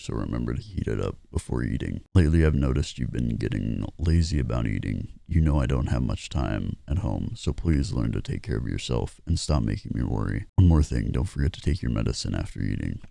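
A man's voice: rumbling low, expressive, fairly quick, vocal fry, few pauses, mellow, dry recording, exaggerated voice. A man reading as a caring, busy mother. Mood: gentle.

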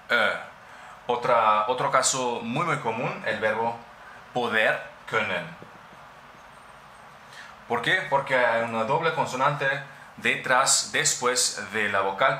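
A man with an Austrian German accent teaches pronunciation slowly and patiently, repeating each vowel again and again. His voice is very bright and forward. The recording has a noticeable room echo and a faint hum in the background. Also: medium pitch. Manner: slow, patient, repeats sounds many times. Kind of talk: relaxed language lesson.

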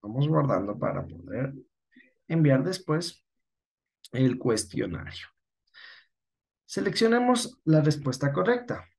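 A man's voice: fairly high pitch, big pitch swings, slow, pauses often, a little mellow. A man with an Ecuadorian Spanish accent, teaching a class patiently, often correcting himself and checking that students follow. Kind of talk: online class lesson.

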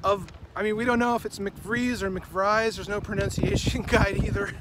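A man's voice: high voice, steady tone, normal speed. A man in his forties walking along a rural road, filming himself on a phone held at arm's length and chatting in a rambling, self-correcting way between passages he reads from a book. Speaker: vlogger. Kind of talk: walking vlog with book reading. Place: outdoors on a rural roadside. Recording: loud wind noise on phone mic. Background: wind and passing vehicles.

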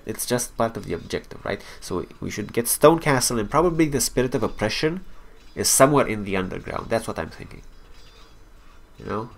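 Low gravelly man rambling through gameplay. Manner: thinks aloud, swears freely, laughs at himself. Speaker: let's play host. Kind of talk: casual gameplay commentary.

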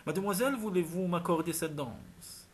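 A man reads as a young Scottish duke, reserved yet earnest and courtly, his voice pitched a little high and ringing. He speaks as a gallant suitor in a romance audiobook. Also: normal speed, a little hiss or hum, lightly acted.

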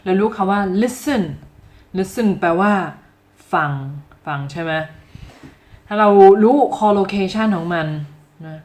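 A woman from Thailand giving a casual video lesson on English, speaking lively and straight to the viewer, and repeating example phrases slowly and clearly. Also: medium pitch. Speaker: English teacher.

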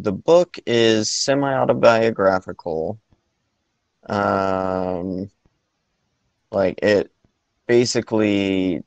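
A man chats slowly through a movie podcast, with frequent pauses and restarts. His voice sits very low and has a gravelly fry to it. The recording is dry and close. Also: a little mellow, no room sound. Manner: hesitant, many ums and restarts. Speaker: podcast co-host. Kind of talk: casual movie podcast chat.

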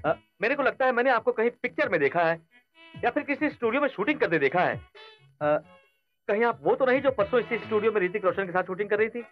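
An actor playing a smarmy man who flatters a woman he has just met. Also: high voice, fast talker, highs cut off, faint music behind. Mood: flirty. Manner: flattering, lively. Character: smarmy male flirt chatting up a woman.

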